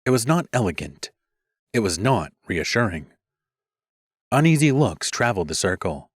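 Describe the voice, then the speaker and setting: A man narrating a fantasy audiobook slowly, with a fairly low voice that rises and falls a great deal. The recording is dry and close, with no room sound. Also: very animated, slightly rough, no room sound.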